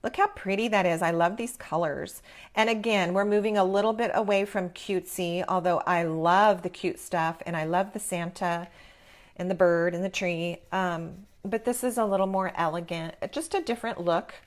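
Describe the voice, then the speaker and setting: A woman's voice: fairly low pitch, fairly even intonation, normal speed. A woman hosting a live craft tutorial, talking informally and encouragingly as she explains each step. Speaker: craft class host.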